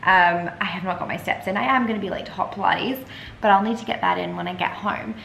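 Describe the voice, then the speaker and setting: A young woman with a soft Edinburgh Scottish accent blended with Australian, chatting casually to her phone camera in a rambling vlog style. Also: medium pitch, quick pace, creaky, echoey room, a little hiss or hum, low-quality recording. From Scotland, raised partly in Australia. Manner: chatty, rambling, frequent "like" and "you guys". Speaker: vlogger.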